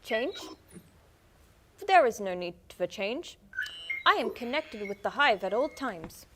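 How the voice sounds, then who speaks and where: A woman's voice: a little high, sing-song, slow. Woman playing a chanting, detached hive-mind drone, noisy recording. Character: internet-addicted young man turned droning hive-mind drone. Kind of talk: scripted satirical interview drama.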